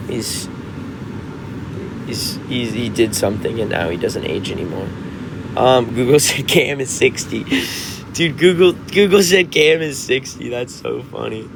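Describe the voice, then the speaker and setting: A man's voice: medium pitch, vocal fry, noisy background. A man in his twenties, a musician chatting casually on a livestream, reading out comments and rambling with frequent restarts. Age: 20s.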